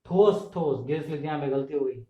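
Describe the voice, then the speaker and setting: A man's voice: on the high side, fairly quick, highs cut off. A man teaching an exam-prep class, asking questions and answering them himself while he repeats key terms, recorded on a camera mic in a room. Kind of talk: classroom lecture. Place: indoor room filmed on camera. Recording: echoey room.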